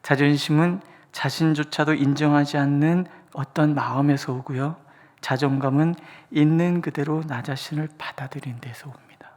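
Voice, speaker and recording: A pastor delivers a dawn prayer sermon in a mid-pitched voice. The delivery keeps swinging from loud, emphatic lines to hushed, whispered asides. The preacher acts out the voices of the people in the stories. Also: steady tone, moderate pace.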